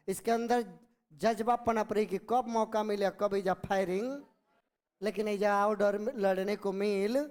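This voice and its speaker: A man's voice: high voice, darkish tone, clear, resonant tone. A man teaches a Hindi literature class in Hindi with a Bhojpuri accent. He explains a story line by line and keeps quizzing his students. His tone is that of a working classroom lesson. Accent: Bhojpuri-influenced Hindi. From Bihar.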